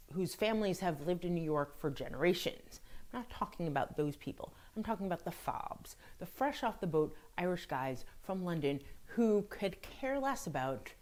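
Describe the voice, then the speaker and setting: A woman from France hosting her own video blog, telling a personal dating story in a candid, chatty way with blunt swearing. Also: lowish voice. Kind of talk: casual storytelling monologue.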